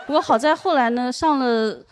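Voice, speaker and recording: A young woman performing a stand-up comedy set, telling her story deadpan and landing punchlines over audience laughter. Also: high-pitched, noisy background. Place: comedy stage with a live audience.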